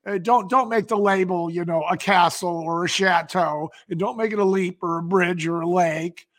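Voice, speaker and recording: A man voicing a gruff, snarky male supermarket buyer who barks quick orders. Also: high voice, a bit bright. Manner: snarky, barking, hurried.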